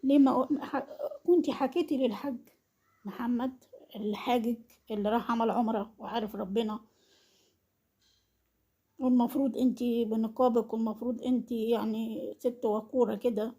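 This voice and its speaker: A woman with an Egyptian Arabic accent delivers a reproachful vlog monologue and hammers the same accusing questions again and again. Her voice sits somewhat high but sounds mellow and warm, with a husky, breathy edge. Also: fairly even intonation, moderate pace, pauses often. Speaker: vlogger commenting on an online family feud. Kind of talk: scolding monologue.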